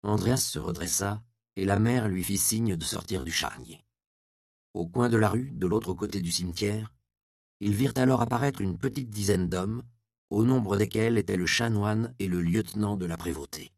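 A man reading a dark story aloud as scripted narration, grave and measured. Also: lowish voice, gravelly, no room sound, studio quality.

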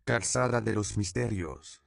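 A man's voice: low-pitched, animated, measured pace, creaky, a little mellow, no room sound, studio quality, full character voice. A man voicing a sad, tearful middle-aged man who murmurs and lectures in his sleep. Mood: dreamy.

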